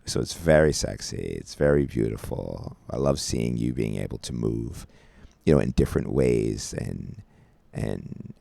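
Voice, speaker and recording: A man's voice: very deep voice, animated, measured pace, gravelly, warm tone, no room sound. A man co-hosting a relationship podcast, talking casually in a rambling, affectionate way and laughing often, in a radio studio. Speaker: podcast co-host. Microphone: studio mic.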